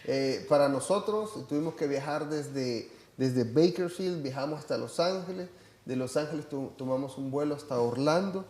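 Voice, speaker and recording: Salvadoran guy talking casually, kinda high voice, lots of uh and restarts, roomy echo. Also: moderate pace, a little mellow. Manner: hesitant, many fillers and restarts. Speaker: church member reporting on a trip. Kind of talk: casual chat.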